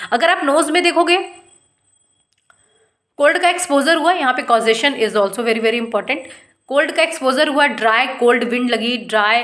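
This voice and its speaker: Woman, high-pitched, doctor giving a relaxed online lesson, patient explanations, rhetorical questions. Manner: explains patiently, mixes English terms, asks rhetorical questions. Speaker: homeopathy doctor teaching. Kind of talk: informal online lecture.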